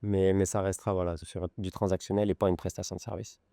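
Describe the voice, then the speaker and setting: In this conversational podcast interview, a luxury goods broker from France, a man in his forties with a Lyon accent, recounts his story slowly, often hesitating and pausing. His voice is deep, dark and mellow, with little pitch movement. The close studio recording is clear, smooth and dry, with no room sound.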